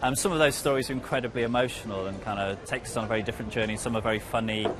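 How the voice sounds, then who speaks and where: A male comedian explaining his interactive show in an interview, quick and earnest. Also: mid-range voice.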